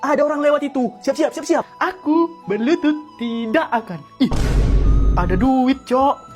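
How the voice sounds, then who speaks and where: A woman's voice: high-pitched, unhurried, darkish tone, faint music behind. Fields: A woman acting out comic skits, playfully switching between kids and mothers, often laughing. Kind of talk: comic skit acting many roles.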